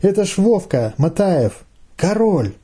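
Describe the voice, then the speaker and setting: A man's voice: on the high side, animated, a little slow, mellow, husky, pitched above the performer's own voice. A man voicing an eager, slightly fawning young boy at summer camp. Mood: shouting.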